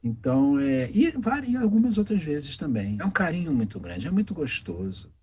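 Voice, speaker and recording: A voice actor guest with a husky voice tells stories in a relaxed, casual interview. His pitch swings widely, and he animatedly slips in quick voices for the people in his anecdotes.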